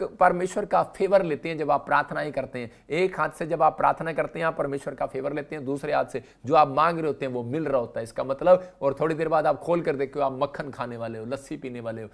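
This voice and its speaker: A male pastor preaching a live morning prayer sermon, repeating his refrains and swinging between loud calls and low murmurs.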